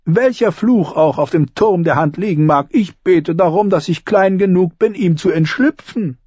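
A man's voice: sits high, moderate pace, darkish tone, slightly rough, no room sound, lo-fi sound, pitched above the performer's own voice. A man reading an audiobook, voicing a clever, sardonic dwarf lord with a wry, mocking delivery.

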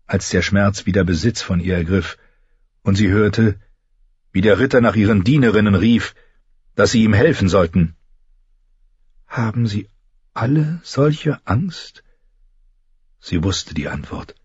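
A man narrating a fantasy audiobook in a dramatic, expressive way. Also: low-pitched, normal speed, husky, no room sound, lo-fi sound.

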